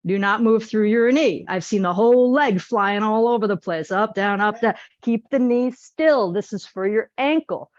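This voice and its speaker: A woman teaching a live group exercise class in a lively, chatty, joking and direct way. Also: mid-range voice, moderate pace, hardly any pauses, no room sound, dull audio. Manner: direct, plain-spoken coaching. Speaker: posture exercise instructor.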